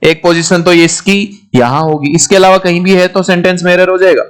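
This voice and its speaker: A man's voice: sits high, steady tone, a little fast, clear, resonant tone. A man teaching an English grammar class, asking questions and repeating the answers, calling his students "my children". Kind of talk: classroom lecture.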